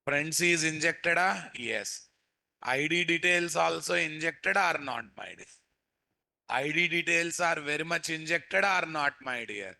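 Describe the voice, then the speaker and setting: Man, Telugu Indian accent, very sharp forceful voice, slightly high pitch, programming instructor, repetitive question-led teaching. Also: measured pace, vocal fry. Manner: repeats phrases and prompts students with questions. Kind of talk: live coding lesson.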